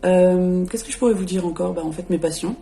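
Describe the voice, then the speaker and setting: A woman's voice: lowish voice, fairly quick, gravelly, mellow, faint music behind. A woman in her late thirties introducing herself and her channel in a casual vlog, hesitant, with many fillers and self-corrections. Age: 30s. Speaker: YouTuber presenting her channel. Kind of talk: casual vlog talk to camera.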